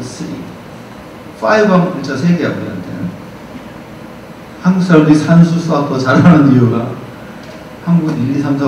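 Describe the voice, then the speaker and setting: A man's voice: medium pitch, a little hiss or hum. A middle-aged Korean man gives a university lecture in a conversational way, acting out everyday dialogues. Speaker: guest lecturer. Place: lecture hall. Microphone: distant from the recording device. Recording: quiet, muffled, echoey hall recording from far off.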